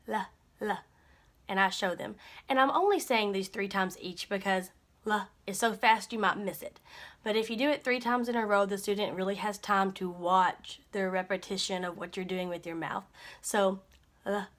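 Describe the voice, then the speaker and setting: Friendly speech therapist modeling sounds. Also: female voice, medium pitch, a bit bright. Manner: demonstrates sounds with repeated modeled syllables. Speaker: speech-language pathologist. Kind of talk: instructional explanation.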